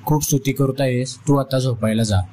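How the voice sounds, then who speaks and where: A man reading the lines of a friendly forty-year-old widowed woman, flatly in his own voice. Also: mid-range voice, moderate pace, close to an everyday voice. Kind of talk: quoted dialogue in story narration.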